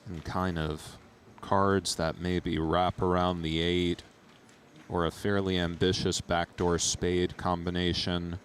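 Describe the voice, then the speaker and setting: Guy with a low voice calling poker, measured and chatty analysis, some room noise behind him. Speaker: poker commentator. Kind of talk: analytical poker commentary with casual chat.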